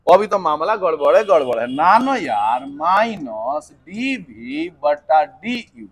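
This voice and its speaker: Man, high voice, physics teacher, lively, asks and answers his own questions. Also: slow, creaky, breathy edge. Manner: lively, mixes English terms, asks and answers himself. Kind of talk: exam-prep lesson.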